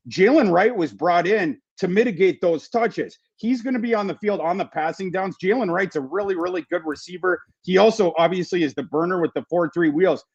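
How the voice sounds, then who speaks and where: A man's voice: high voice, breathy edge. Man talking football, dull audio. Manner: fast, repeats words and restarts often. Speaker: fantasy football analyst guest. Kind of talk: casual podcast chat.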